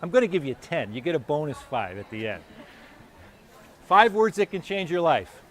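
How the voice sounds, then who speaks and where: A man giving a live self-help talk at an expo, conversational and animated, acting out his own inner voice. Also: a little high, normal speed, a little hiss or hum. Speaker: motivational speaker. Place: expo hall or venue.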